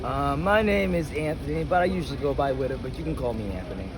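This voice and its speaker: On a noisy urban street with traffic, a music fan at a show is interviewed in a casual chat. His medium-pitched voice moves fast, yet he is hesitant and frequently echoes each question before he replies.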